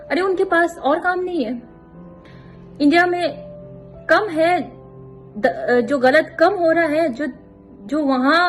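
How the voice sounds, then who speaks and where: A woman from Himachal Pradesh, a vlogger giving an impassioned, scolding monologue and repeating words for emphasis. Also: a little high. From Himachal Pradesh, India.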